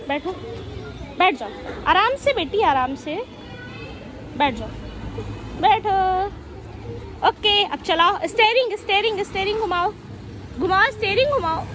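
A woman vlogger, aunt to the children, coaxing and directing little kids with short repeated commands in a school playroom. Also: extremely high pitch. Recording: noisy background ambience.

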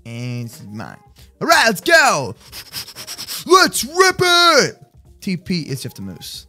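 A young man giving goofy, hyped gameplay commentary, chatting to his sidekick and viewers with sudden shouts. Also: medium pitch, huge pitch swings, unhurried, husky, faint music behind. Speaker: gaming YouTuber.

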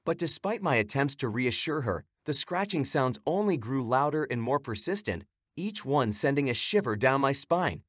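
Man narrating horror with animated delivery. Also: medium pitch, moderate pace, dry recording, studio quality. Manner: dramatic, suspenseful storytelling. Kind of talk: scripted narration.

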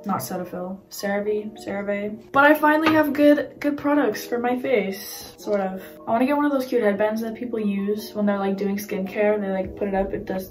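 Recorded far from the mic in an echoey, sparsely furnished apartment with music playing, a young woman chats to camera in a casual, youthful vlog. Her voice is medium in pitch with a darkish tone.

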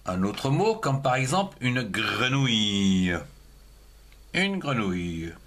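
Man spelling slowly for children. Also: mid-range voice, very animated, fairly bright tone. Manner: spells words letter by letter, syllable by syllable. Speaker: teacher. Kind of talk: slow spelling lesson for children.

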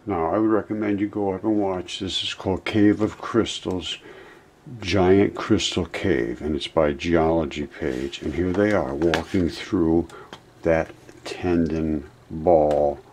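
A man's voice: low-pitched, slow, a little mellow, slight background noise. A man giving a rambling informal video lecture in front of a screen, addressing viewers as his friends. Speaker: channel host presenting his own theory. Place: indoors in front of a monitor.

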